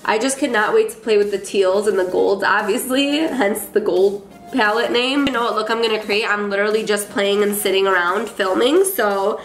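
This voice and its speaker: A young woman with a cold, sounding nasal and congested, gushes casually about her makeup, peppering her talk with ums. She is a makeup artist and beauty vlogger in a chatty tutorial, her mid-range voice moving at a moderate pace with hardly any pauses, recorded in an echoey room with faint music.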